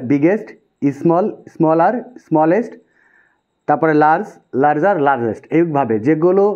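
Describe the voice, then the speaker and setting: Male grammar tutor, Bangladeshi Bengali accent, slightly high voice, patient and repetitive, muffled lo-fi recording. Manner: patient, repeats key rules slowly. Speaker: English grammar teacher. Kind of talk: explanatory lesson. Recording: dull lo-fi sound.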